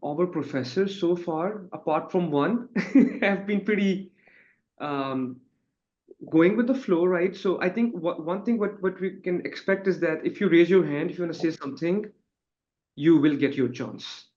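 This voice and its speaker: On a dull, muffled online webinar call, a man with a high-pitched, somewhat mellow voice speaks at a measured pace. He's a student on a panel, talking informally, rambling a bit and tacking on tag questions.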